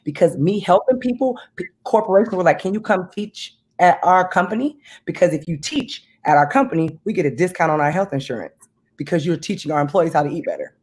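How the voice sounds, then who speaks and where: A woman in her thirties on a video call from home, talking in an animated, emphatic way about money and business. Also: lowish voice, fairly quick, slightly rough. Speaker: guest, business owner. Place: home room indoors. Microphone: video call webcam.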